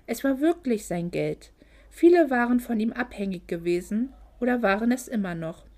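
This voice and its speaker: Brief: female audiobook narrator, measured, steady storytelling. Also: a little high. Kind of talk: scripted narration.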